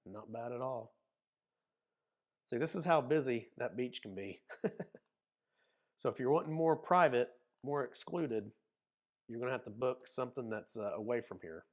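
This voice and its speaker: A man's voice: mid-range voice, animated, moderate pace, long pauses. A man with an Oklahoma accent, casually narrating a screen walkthrough in a folksy, chatty way. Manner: folksy, chatty, says y'all. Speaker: cruise vlogger.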